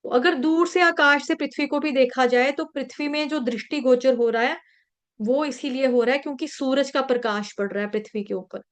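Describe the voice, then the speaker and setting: High-pitched woman scripture teacher, storytelling class voice that breaks into slow chanted Sanskrit verses.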